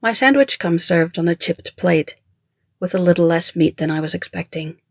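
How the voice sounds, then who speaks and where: An author reading their own mystery-thriller audiobook in first person, with a measured, even storytelling manner, recorded close to the mic. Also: mid-range voice, creaky, no room sound. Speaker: author and narrator.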